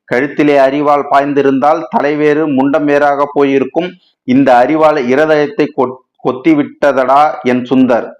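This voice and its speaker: A man's voice: mid-range voice, close to an everyday voice. A man voicing an anguished male writer in a storybook reading, lamenting in a dramatic, wordy way, on a dull lo-fi recording. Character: anguished male writer, grief-stricken and impassioned.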